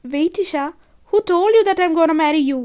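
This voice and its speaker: A brusque young man, curt and scolding yet protective, as a woman reads him aloud. The voice stays high and light for a man. He clips his words short and hard. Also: quick pace, a little mellow. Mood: angry.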